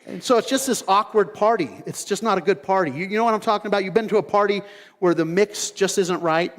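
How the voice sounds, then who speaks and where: A man preaching a sermon as pastor, telling stories in an animated way and acting out other people's voices. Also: high voice, quick pace, long reverb tail. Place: church sanctuary.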